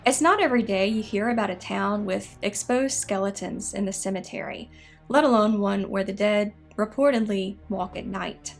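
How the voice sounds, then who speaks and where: A woman tells spooky history as a scripted narrator. Her voice sits at an average pitch for a woman. She keeps a measured, explanatory delivery, with faint music playing behind her. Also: gravelly. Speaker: narrator of a haunted history show.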